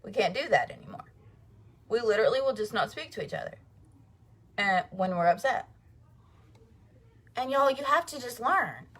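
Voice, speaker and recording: A woman's voice: a little high, big pitch swings, moderate pace, pauses often, fairly bright tone, husky. A woman vlogger telling her viewers a personal faith story, chatty and emphatic, speaking straight to them. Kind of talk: casual faith testimony storytelling.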